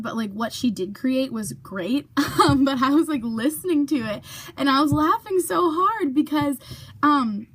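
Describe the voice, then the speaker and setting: A young adult woman vlogs to her camera in a high-pitched voice with a breathy edge. The YouTuber chats casually, uses lots of fillers, and occasionally drops to a whisper for asides.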